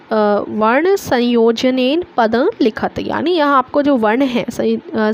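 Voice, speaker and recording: A woman's voice: on the high side, muffled recording. A young woman teaching an online lesson, patiently spelling out word sounds and checking in with her students often.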